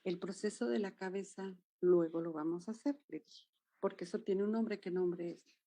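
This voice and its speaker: Animated Mexican woman telling therapy stories. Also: mid-range voice, normal speed, a little hiss or hum. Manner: animated storyteller, acts out dialogue. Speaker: dance movement therapist, guest. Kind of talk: interview, recounting therapy cases.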